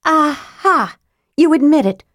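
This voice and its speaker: A fiery young red-haired woman, quick to anger and close to tears, her voice climbing high and sharp as she accuses, read by a woman narrator. Her pleas ring clearly in a close, dry recording with no room sound. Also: lively intonation, no room sound, exaggerated voice. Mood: angry. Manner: pleading, accusing, raised voice.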